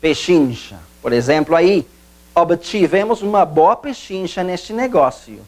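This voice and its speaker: A man giving a video language lesson, explaining slowly, repeating himself, and stressing key points. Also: a little high, expressive. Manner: slow, repetitive, emphatic teacher's explanations. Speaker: Portuguese teacher.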